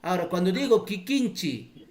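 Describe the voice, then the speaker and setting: A man's voice: sits high, big pitch swings, normal speed, darkish tone. A man with a Peruvian Spanish accent teaching Quechua grammar to teachers in a live class, patiently explaining and quizzing the group.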